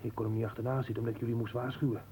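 A man playing an anxious, simple-minded young villager who blurts and shouts in a childlike way, in an old radio drama. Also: mid-range voice, level tone, very fast, breathy edge. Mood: excited. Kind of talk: 1960s radio drama acting.

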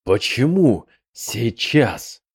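A man's voice: medium pitch, sing-song, drawn-out words, breathy edge, dry recording, studio quality, full character voice. A man voicing a furious rotting demon prince. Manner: fierce, sharp outbursts.

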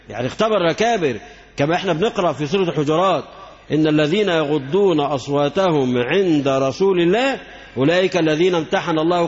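Fast-talking Egyptian man lecturing. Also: sits high. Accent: Egyptian Arabic. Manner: repetitive, asks rhetorical questions. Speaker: Islamic lecturer. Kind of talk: religious lecture. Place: lecture hall. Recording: echoey hall, dull lo-fi sound.

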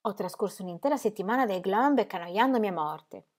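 A weary, charming painter, languid and flirtatious, drawing out his compliments with lively swings of pitch, as a woman reads him aloud. His tone stays playful and theatrical. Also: fairly quick, lightly acted.

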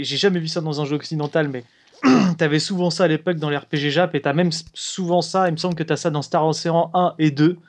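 A man in casual podcast chat, his voice sitting a little high. He talks in lively bursts, jumps in over his co-host and drops casual swear words. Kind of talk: casual chat about retro games.

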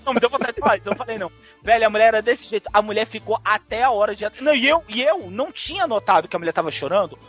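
Man, podcast host, very high voice, lively, husky, dull lo-fi sound, faint music. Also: very fast. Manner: excitable, crude, mimics people. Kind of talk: comic storytelling.

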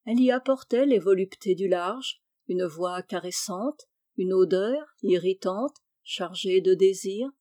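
Woman calmly reading a classic story. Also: medium pitch, measured pace, hardly any pauses, no room sound, studio quality. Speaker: reader. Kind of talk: scripted narration of a classic story.

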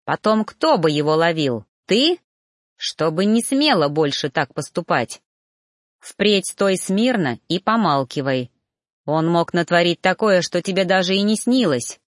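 A woman's voice: on the low side, expressive, a little slow, no room sound, clean studio sound. A woman reading the part of an irritable, stern male soul reaper mentor, hissing and snapping her lines in an audiobook. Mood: scolding. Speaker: audiobook reader.

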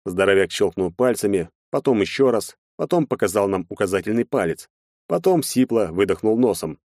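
A man's voice: on the low side, lively intonation, moderate pace, a little mellow, dry recording, clean studio sound. A man narrating a first-person audiobook in a weary, sardonic tone.

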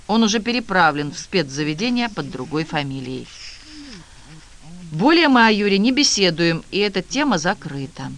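A man reading the lines of a cold, stern older male scientist who talks curtly and flatly. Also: high-pitched, normal speed, heavily acted. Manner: curt and flat.

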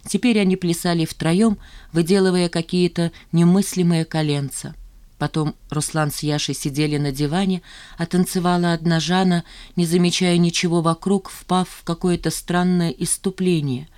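Steady audiobook narrator. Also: medium pitch, normal speed, clean tone. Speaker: audiobook reader. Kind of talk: scripted narration of a novel.

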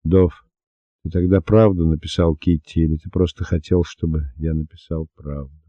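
A determined young woman who speaks firmly and pleads, as a male reader puts her on. His voice stays very low. The sound is dull and dry. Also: fairly even intonation, moderate pace, warm tone, no echo. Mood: earnest. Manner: firm, pleading. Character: young woman visiting a condemned man, determined.

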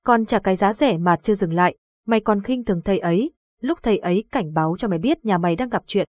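A woman's voice: mid-range voice, fast talker, darkish tone, no echo, close to an everyday voice. A woman voicing a fat, hot-tempered woman who scolds through gritted teeth in an audiobook ghost story. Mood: furious.

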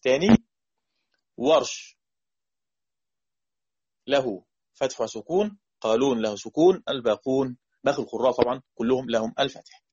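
A man with an Egyptian accent teaching a lesson on Quran recitation variants, explaining in casual speech and slowly chanting the verses he quotes. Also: mid-range voice, a little mellow, husky, no echo, dull audio. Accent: Egyptian Arabic.

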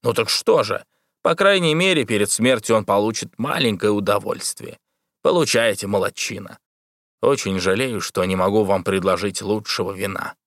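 A man reading the part of an old mercenary captain, gruff but kindly. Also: on the low side, moderate pace, fairly bright tone, no room sound, studio quality. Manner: gruff, easygoing. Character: older male mercenary captain, gruff and kind.

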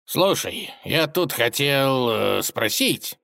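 A man voicing a calm, mocking bald tsar in a storybook, unbothered and teasing. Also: mid-range voice, slow, creaky, no room sound, studio quality, pitched above the performer's own voice, full character voice. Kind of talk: storybook character voice.

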